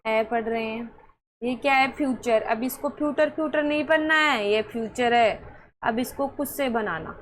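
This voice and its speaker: A woman's voice: sits high, a bit bright, slight background noise, low-quality recording. A woman teaching English pronunciation rules, who keeps asking her students questions and then answers them herself. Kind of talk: explaining spelling rules to students.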